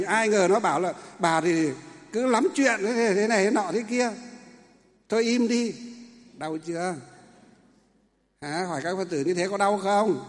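A male Buddhist monk giving a folksy dharma talk, peppering listeners with rhetorical questions. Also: sits high. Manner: asks the audience rhetorical questions, folksy and animated. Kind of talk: dharma talk to a large lay audience. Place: large hall with hundreds of listeners. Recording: long reverb of a large hall.

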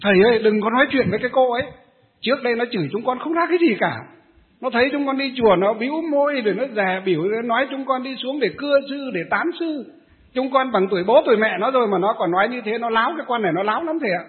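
Indignant elderly temple women grumble in a high, rushed, scolding voice, put on by a man telling the story. The line is thin and tinny, like a phone call. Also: lively intonation.

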